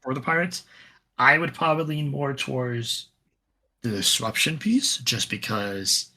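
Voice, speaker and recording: In an unhurried, mid-range voice, this male podcast co-host chats loosely about a tabletop wargame. He meanders as he goes, restarting sentences and leaning on filler words.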